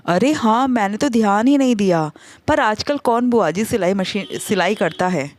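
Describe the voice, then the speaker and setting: A woman's voice: medium pitch, animated, normal speed, darkish tone, natural voice. A woman voicing a greedy, complaining middle-aged mother-in-law who scolds and pities herself. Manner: scolding, self-pitying complaints.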